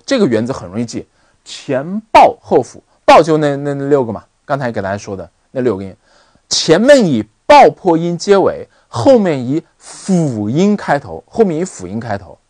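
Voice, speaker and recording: Male online English tutor, animated delivery with a dry, close mic. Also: a little high, no echo. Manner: animated, repeats words for drill. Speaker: English teacher. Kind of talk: online lesson.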